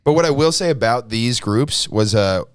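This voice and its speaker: A man's voice: medium pitch, animated, moderate pace, a crowd in the background. A young man co-hosting a podcast, chatting casually, laughing often and saying dude a lot. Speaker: podcast co-host. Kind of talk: casual chat.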